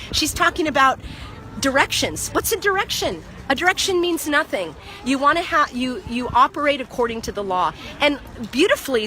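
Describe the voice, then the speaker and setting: A woman with a fairly high, sharp-toned voice vlogs outdoors into a phone she holds herself, standing in a market parking lot. She argues heatedly, speaking with passion and lecturing, and often repeats herself.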